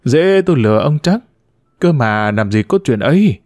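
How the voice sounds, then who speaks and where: A sharp-tongued older grandmother who snaps and curses in short, blunt bursts, put on by a male storyteller. Her voice leaps up and down with lively swings. The recording is dry and close. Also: medium pitch, normal speed, no echo, lightly acted. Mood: scornful. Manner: blunt, curt and abusive.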